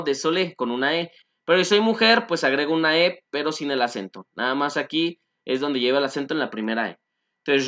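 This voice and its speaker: A man teaching a French lesson, repeating phrases slowly and translating them, with many "este" fillers. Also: a little high, bright, forceful tone. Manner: frequent "este" fillers, asks "¿no?" and "¿sí?". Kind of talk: online language lesson.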